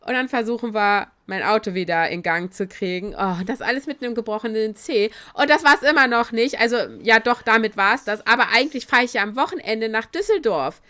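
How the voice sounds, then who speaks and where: A woman's voice: a little high, brisk, few pauses. A woman gaming YouTuber chatting casually and animatedly through a Let's Play, her voice giving out because she is ill. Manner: animated, breaks into laughter. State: voice giving out from illness.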